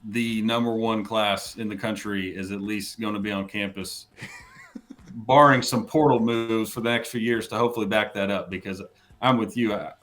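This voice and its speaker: Low-voiced guy on a sports podcast, laid back, chuckles a lot, keeps restarting his sentences. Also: steady tone, normal speed, fairly bright tone. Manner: easygoing, chuckles between points, restarts phrases. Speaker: podcast guest, college football writer. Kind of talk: casual sports podcast chat.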